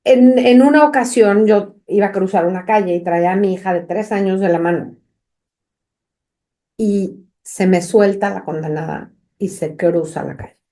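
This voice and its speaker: A woman's voice: mid-range voice, normal speed, dark tone. A woman, co-hosting a podcast and telling anecdotes straight to her listeners in a conversational way. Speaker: podcast co-host. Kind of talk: casual conversation.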